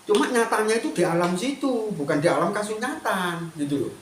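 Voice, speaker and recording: Man, spiritual teacher, animated chatty talk, echoey room, faint noise. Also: high voice, fairly quick. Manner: animated, mixes Indonesian and Javanese, chatty asides. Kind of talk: spiritual talk, addressing listeners.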